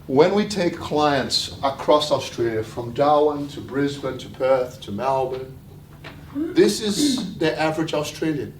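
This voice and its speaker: Male motivational speaker, emphatic repetition and acted-out quotes, distant echoey sound with faint noise. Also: a little high. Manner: animated, rhetorical questions, acts out imagined quotes; repeats phrases for emphasis. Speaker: speaker giving a wealth seminar. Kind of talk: motivational seminar talk.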